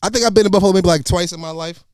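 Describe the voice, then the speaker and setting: A man's voice: sits high, very fast, a little mellow. A man hosting a casual talk show, teasing his guest with slangy, profane banter.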